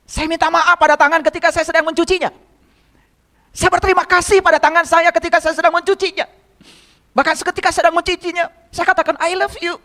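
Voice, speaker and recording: Male religious teacher, sermon, strikingly high voice, chatty delivery full of rhetorical questions to the congregation. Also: a bit bright. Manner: conversational, repeats phrases for emphasis.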